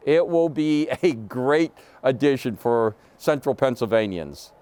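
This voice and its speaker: A man's voice: medium pitch, lively intonation, measured pace, warm tone, clean tone. A man speaking unscripted and descriptively in an interview.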